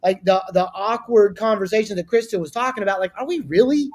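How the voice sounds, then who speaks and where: A man's voice: sits high, fast talker, darkish tone. A male guest on a business talk show who gives advice with energy and emphasis, often restarting his sentences.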